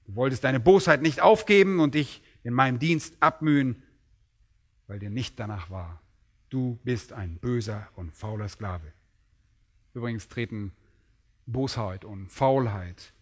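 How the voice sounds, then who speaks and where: A man preaching a sermon on a parable, emphatic and rising sharply in pitch when he acts out quoted lines. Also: fairly bright tone.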